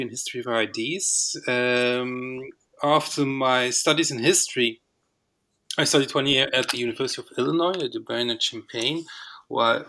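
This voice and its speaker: A bright-voiced man from Belgium. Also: mid-range voice. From northeast Belgium. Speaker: intellectual historian, interview guest. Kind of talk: casual interview answers.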